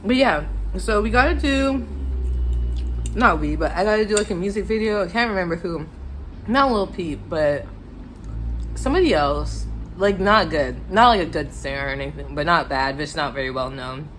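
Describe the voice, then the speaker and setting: A woman's voice: lowish voice, normal speed, a bit bright, a little hiss or hum. An American woman telling a casual, chatty, self-deprecating story to viewers while eating, her mouth sometimes full. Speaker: mukbang vlogger telling stories.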